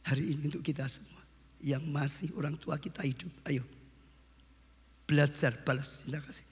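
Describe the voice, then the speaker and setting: A man preaching a wedding sermon, telling stories and swinging between loud exclamations and hushed asides. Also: a little high, steady tone, normal speed, slightly rough. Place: church hall. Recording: long hall reverb.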